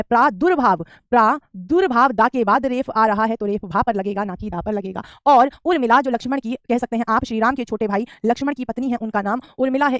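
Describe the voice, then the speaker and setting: A woman teaching an online spelling lesson. She works briskly through each word, repeats the correct form and calls her students "beta". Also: on the high side, dry recording, studio quality. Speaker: Hindi teacher.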